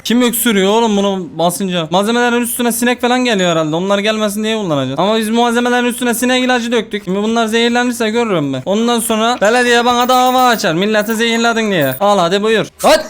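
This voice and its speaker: A man's voice: high-pitched, fast, hardly any pauses, a bit bright, clear, resonant tone. A young man giving casual, joking commentary while playing a game, talking to the customers on screen. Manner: jokey, bossing game customers around. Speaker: gaming streamer. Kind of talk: casual let's-play commentary.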